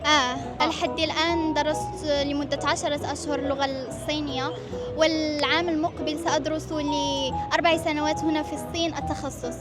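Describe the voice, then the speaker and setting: A woman from Morocco, a student answering interview questions quickly and switching between languages. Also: high voice, steady tone. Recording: loud background music.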